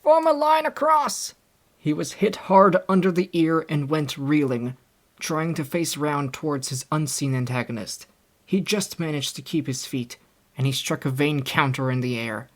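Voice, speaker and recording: A young man reading a classic novel aloud in scripted audiobook narration, with a steady storytelling delivery. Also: fairly high pitch, normal speed. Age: young adult. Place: home recording setup.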